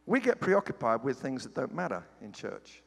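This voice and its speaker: A man's voice: mid-range voice, very animated, moderate pace, vocal fry, slightly rough. A middle-aged British man preaching a sermon as a guest pastor, telling funny stories with playful, joking asides. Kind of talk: humorous sermon storytelling. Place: large church sanctuary. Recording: reverberant church hall, faint ambience.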